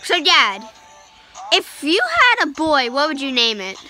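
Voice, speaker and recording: A woman voicing a cheeky young son who teases and giggles, with music playing softly behind. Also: sits high, big pitch swings, measured pace, exaggerated voice. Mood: teasing. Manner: teasing, squealing, giggly. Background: pop music playing.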